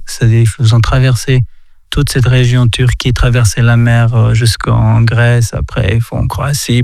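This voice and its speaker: Halting, reflective man in a dry room. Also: mid-range voice, no room sound. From Portugal. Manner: halting, many restarts and repeated words. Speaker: speaker sharing a reflection. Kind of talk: reflective faith talk.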